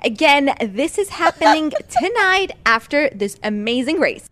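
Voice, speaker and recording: A woman presenting on the radio and chatting with co-hosts, excited and apologetic. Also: high-pitched, a little slow, slight background noise. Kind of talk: radio banter and on-air presenting.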